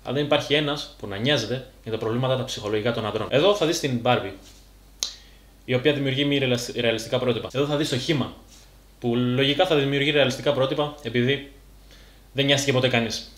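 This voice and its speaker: A man's voice: mid-range voice, a bit bright, echoey room. A man giving a casual, blunt monologue to camera, talking like a coach and full of slang. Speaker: fitness YouTuber.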